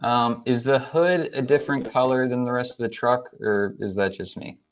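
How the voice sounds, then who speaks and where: A man's voice: medium pitch, moderate pace. A man co-hosting a casual talk show, chatting in a laid-back, hesitant way. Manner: laid-back, hesitant with ums and I-don't-knows. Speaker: co-host. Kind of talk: casual chat reviewing trucks. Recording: dull lo-fi sound.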